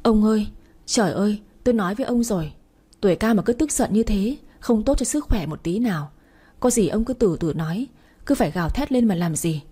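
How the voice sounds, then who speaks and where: A woman's voice: medium pitch, animated, fairly quick, dark tone, breathy edge. A woman voicing a tearful older mother who pleads with her husband in a storybook. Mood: pleading.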